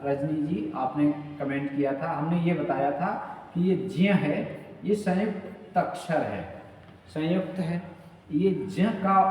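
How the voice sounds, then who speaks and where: A man's voice: on the high side, darkish tone. Guy teaching exam prep, asks then answers his own questions, long hall reverb, faint hiss. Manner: explanatory, asks questions and answers them himself. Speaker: Hindi literature teacher. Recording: echoey room, voice far from the mic.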